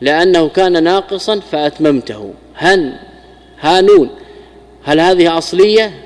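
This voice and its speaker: A man's voice: on the high side, moderate pace, long reverb tail. A man, a scholar, giving a classical grammar lesson, often repeating and restarting words as he explains. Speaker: Islamic scholar teaching Arabic grammar.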